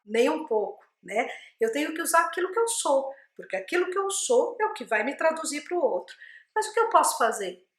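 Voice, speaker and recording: High-voiced Brazilian woman teaching expressively. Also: fairly quick. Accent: Brazilian Portuguese. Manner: expressive, asks the viewer many questions. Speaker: speech therapist and communication teacher. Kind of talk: instructional video talk to camera. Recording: echoey room.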